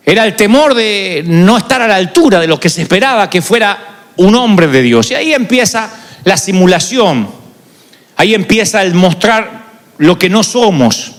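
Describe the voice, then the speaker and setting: A man's voice: sits high, animated, moderate pace, big-room sound. A male pastor preaching a sermon, confessional and dramatic in his storytelling. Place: large church arena.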